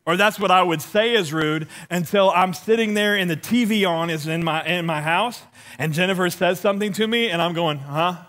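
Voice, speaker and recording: His voice sits high and fairly bright at a moderate pace: a middle-aged male pastor with a lisp, giving a humorous sermon on a church stage. He walks and gestures, acting out dialogue in stories that poke fun at himself.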